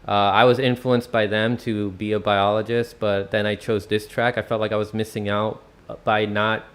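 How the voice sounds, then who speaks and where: A man from the Washington, D.C. area hosting a casual interview, relaxed and friendly, with many "um"s. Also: on the low side, normal speed, clean tone. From Washington, D.C. area, United States. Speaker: host of an online channel.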